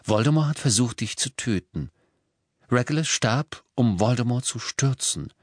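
A man's voice: mid-range voice, lively intonation, normal speed, no room sound, studio quality, voice pushed up, close to an everyday voice. A man voicing an insistent teenage boy wizard in an audiobook, pressing hard with tense questions. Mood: bewildered.

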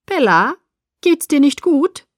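A woman's voice: very high-pitched, sing-song, measured pace, no echo, studio quality, voice pushed up, full character voice. A woman voicing a concerned adult male biology teacher who calls out to the class. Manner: worried, calling out to the class.

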